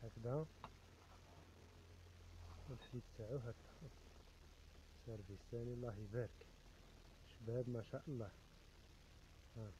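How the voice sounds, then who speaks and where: A man's voice: medium pitch, fairly even intonation, moderate pace, long pauses, background noise. A man with an Algerian Arabic accent showing off coffee sets and cups in his shop, repeating each item and its price in a casual, chatty way. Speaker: shop seller. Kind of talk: casual product showcase.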